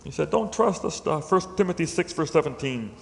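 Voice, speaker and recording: High-voiced man preaching in a reverberant church. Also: expressive, brisk, vocal fry. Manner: dynamic preaching, swinging between loud emphatic peaks and hushed low lines. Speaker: pastor. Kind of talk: sermon. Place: church sanctuary.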